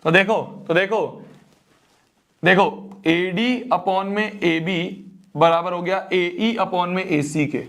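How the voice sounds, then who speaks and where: A man's voice: sits high, steady tone, slow pace, fairly bright tone. A young man teaching a math exam-prep lesson, repeating phrases and checking that students follow.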